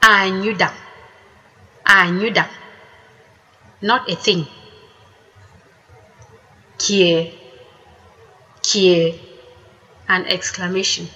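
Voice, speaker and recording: A woman teaching a language lesson, saying each word slowly and deliberately and repeating it twice before explaining it. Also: medium pitch, steady tone, bright, forceful tone. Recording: echoey room with long reverb.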